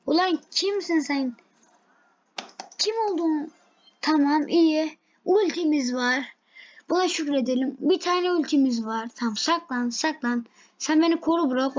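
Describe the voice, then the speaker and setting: A high-voiced woman streaming a game live, narrating each move in an excitable, easily frustrated way and repeating her complaints. The audio is dull and lo-fi, like a home stream. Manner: excitable, frustrated, repeats herself while playing. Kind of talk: live gameplay commentary.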